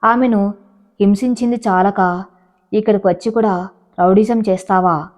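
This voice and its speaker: A woman voicing a suspicious, quick-tempered husband who talks in an irritated, scolding way. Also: mid-range voice, steady tone, a little mellow, lightly acted. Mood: warning. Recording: dull lo-fi audio.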